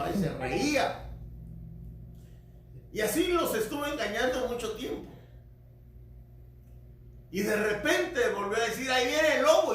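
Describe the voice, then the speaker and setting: A male preacher giving an animated sermon, often calling his listeners brother. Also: a little high, a little hiss or hum. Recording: very echoey hall, voice from far off, faint background.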